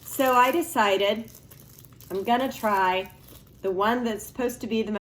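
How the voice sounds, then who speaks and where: Woman, cooking show host, casual and chatty, emphatic drawn-out phrases, roomy echo, slight background noise. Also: on the high side. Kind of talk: casual video presenting. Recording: echoey room with faint background noise.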